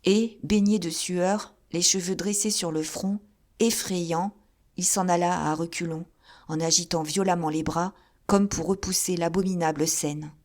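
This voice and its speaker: A woman reading an audiobook as narrator, in a measured, even storytelling manner. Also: lowish voice. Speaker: audiobook reader. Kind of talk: scripted narration.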